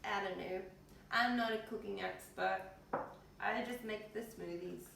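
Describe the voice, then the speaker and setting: A woman's voice: mid-range voice, a little slow, gravelly. A woman with an Australian accent chatting casually in her home kitchen, tired and in pain, with an offhand, colloquial way of talking. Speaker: health vlogger. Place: home kitchen with windows open. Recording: very echoey kitchen, distant mic, faint noise.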